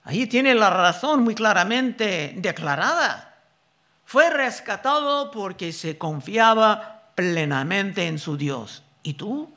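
A man preaching a sermon, reading Bible verses slowly and deliberately and explaining them. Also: high voice, lively intonation, bright, forceful tone.

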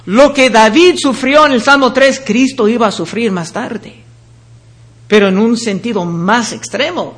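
High-voiced man preaching a sermon. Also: a little slow, fairly bright tone. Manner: reads scripture passages aloud, with slips and restarts. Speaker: pastor.

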